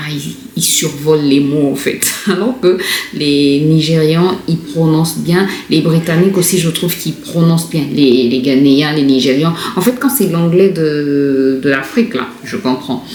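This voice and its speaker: A woman chats through a home vlog, her voice a little low, stopping often to restart or fill a pause. The room is echoey, with a faint hum of noise behind her. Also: a little mellow. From Congo. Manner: chatty, hesitant, many fillers and restarts. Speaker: vlogger. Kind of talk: casual vlog chat.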